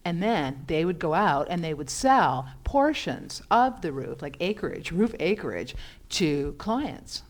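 Woman co-host, eager and chatty, slightly low voice, many fillers. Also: big pitch swings, takes it slowly. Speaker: co-host presenting news items. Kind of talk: casual chat.

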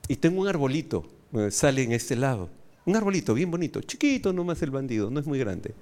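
Preaching in a church auditorium, this Peruvian pastor speaks with a Peruvian Spanish accent in a medium-pitched, sing-song, slightly mellow voice at a brisk clip. He tells playful stories, acts out both sides of dialogues, and asks the audience questions, having them repeat after him.

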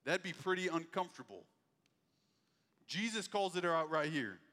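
A man's voice: fairly high pitch, big pitch swings, moderate pace, sharp tone, in a large hall. A man preaching a sermon in a conversational, folksy way. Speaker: pastor.

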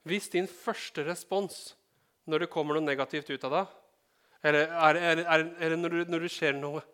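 A man from Norway preaching a sermon in a fairly high voice. He talks to the congregation in a conversational way, asks them questions and slips in light joking asides. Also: fairly even intonation, fairly bright tone, smooth. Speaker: pastor.

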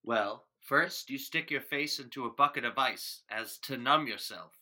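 Deadpan man with a bright, forceful voice. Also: medium pitch, normal speed. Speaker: improv performer. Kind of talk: improv comedy scene.

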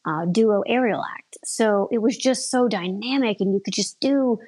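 A woman's voice: medium pitch, normal speed, a little mellow, breathy edge. A woman in her thirties, an aerial performer, chatting casually in an interview. She rambles and often restarts her sentences.

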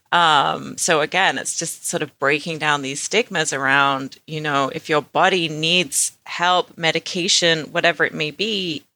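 A podcast co-host with a bright, tense-edged tone, recorded dry and close with no room sound. They talk reflectively, pausing on ums while working through an idea. It sounds like relaxed conversation. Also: mid-range voice, creaky, no echo.

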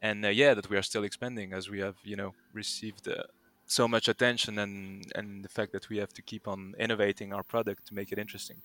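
A man's voice: on the low side, little pitch movement, brisk, pushed and bright, dry recording. A young man in his twenties with a French accent, a guest in a casual podcast interview who rambles with many fillers and restarts. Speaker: guest, project founder.

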